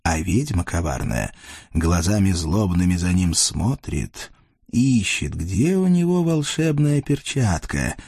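A man tells a folk tale in a lively, sing-song manner, his voice swooping up and down. The tone is slightly husky, and the recording is dry and close. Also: low voice, takes it slowly, no room sound. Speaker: narrator.

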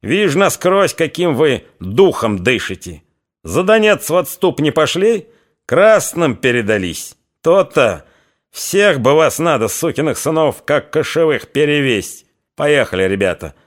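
A cruel young Cossack from a storybook hurls threats and insults in a fury. His voice pushes up high and hard. A male narrator acts him out. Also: very animated, a little slow. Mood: threatening. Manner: raging, threatening, spitting insults.

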